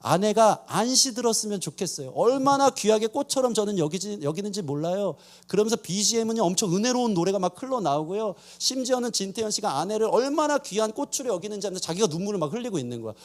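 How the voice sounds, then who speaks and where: A male pastor delivering a sermon in a church. His voice sits high and leaps around with lively swings of pitch. He tells stories with self-deprecating humor before driving the lesson home. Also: fast talker, hardly any pauses. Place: church sanctuary.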